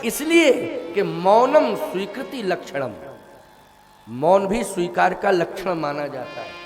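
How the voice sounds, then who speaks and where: A man's voice: high voice, sing-song, slow. A man preaching a Ram Katha sermon, who asks his listeners questions and slips into devotional singing. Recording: music and tabla behind the voice.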